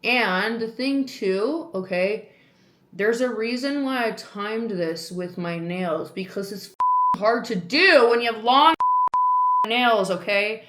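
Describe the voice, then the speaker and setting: A young woman vlogging at home, rambling and self-mocking as she coaches herself aloud to stay calm through a beauty treatment. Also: on the high side, takes it slowly, a little hiss or hum. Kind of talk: casual chatty vlog while doing a beauty treatment.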